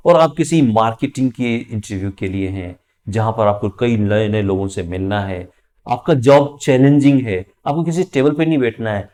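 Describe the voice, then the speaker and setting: A man with an Indian accent teaching interview communication skills, speaking clearly with deliberate pauses and emphasis. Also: lowish voice, dark tone. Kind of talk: instructional talk to camera.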